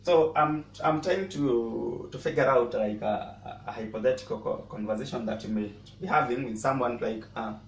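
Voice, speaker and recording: Slow man teaching. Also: mid-range voice. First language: Swahili. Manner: halting, repeats words while explaining. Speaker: language teacher. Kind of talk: casual spoken lesson. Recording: roomy echo, mic at a distance, faint noise.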